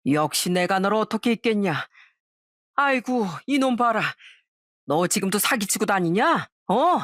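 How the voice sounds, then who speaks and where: A woman's voice: medium pitch, sing-song, measured pace, fairly bright tone, no echo, studio quality. A woman voicing an older retired male detective who taunts and interrogates a former con man. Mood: mocking scolding.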